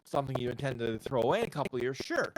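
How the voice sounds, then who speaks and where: A man's voice: medium pitch, big pitch swings, rapid-fire. A man co-hosting a casual podcast, explaining patiently over a clipping, distorted microphone. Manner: explains patiently, with stops and restarts. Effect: clipping, crackly distorted mic. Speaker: podcast co-host. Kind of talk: casual tech chat over a call.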